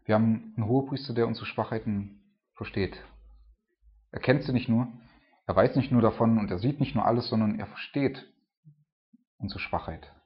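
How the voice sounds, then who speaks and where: A man's voice: lowish voice, normal speed, pauses often, lo-fi sound. Man preaching in a loose, chatty way. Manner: conversational preaching, peppered with "so" and "ne?". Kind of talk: sermon on a psalm.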